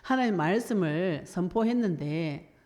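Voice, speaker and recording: A woman pastor preaches in a lively storytelling way and chuckles often. Her voice is low and mellow. It carries a long reverb, as if it were recorded in a church hall. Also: unhurried. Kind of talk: sermon.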